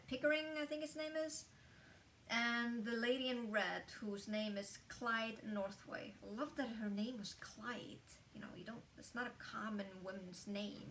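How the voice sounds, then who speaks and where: A woman's voice: medium pitch, fairly bright tone, far from the mic, slight background noise. A woman casually reviewing a book, talking in a chatty way with lots of fillers and restarts.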